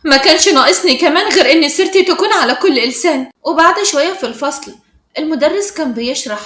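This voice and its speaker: A woman with an Egyptian accent narrating a storybook tale in a brisk, dramatic way. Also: high voice, roomy sound. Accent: Egyptian Arabic.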